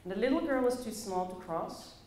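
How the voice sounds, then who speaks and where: A Dutch woman, a conference speaker and play facilitator, tells personal stories to a live audience in a very echoey indoor conference room. Her fairly high, somewhat dark voice is animated and expressive, with dramatic pauses. Faint background noise can be heard.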